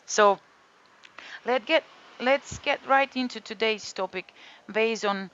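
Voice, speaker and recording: The recording is lo-fi and a little dull, carrying a Croatian-accented woman's steady, earnest pitch for a yoga and detox course. Her voice sits mid-range, she repeats her main phrases often, and gentle ums fill the gaps.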